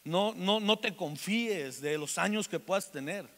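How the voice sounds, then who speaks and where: This preacher, a Mexican-accented man in his forties, alternates humorous storytelling with sincere urging toward forgiveness. He speaks unhurriedly in a voice that sits high with a fairly bright tone, and the church meeting hall gives it a big-room sound.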